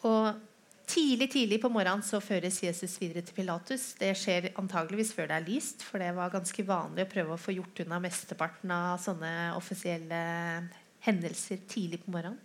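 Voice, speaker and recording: Woman preaching in storytelling mode. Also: lowish voice. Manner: storytelling, lifts voice to act out quoted lines; asides to the listeners. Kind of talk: sermon retelling a scripture story.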